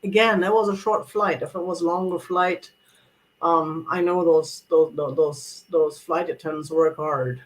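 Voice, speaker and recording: Chatty guy vlogging about his trip, kinda high voice, lots of restarts. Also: steady tone, measured pace, rough recording. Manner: chatty, many restarts and asides. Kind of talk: casual rambling chat.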